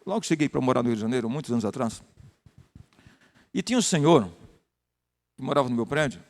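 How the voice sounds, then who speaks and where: A man's voice: mid-range voice, expressive, fairly quick, a little mellow, in a large hall. An older Brazilian man, a pastor, teaching a Bible study and greeting people in the congregation by name. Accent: Brazilian Portuguese. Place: church hall.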